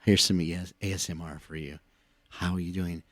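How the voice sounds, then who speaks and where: Whispered role-play: a man doing a sweet, hushed ASMR creator, very quiet and low, close and dry. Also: fairly even intonation, brisk, dry recording.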